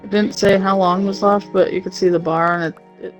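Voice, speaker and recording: A woman streamer chatting casually with family while playing a game, in a relaxed, grumbling way, with game music faint behind her. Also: medium pitch, brisk, low-quality recording. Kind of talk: casual chat while gaming.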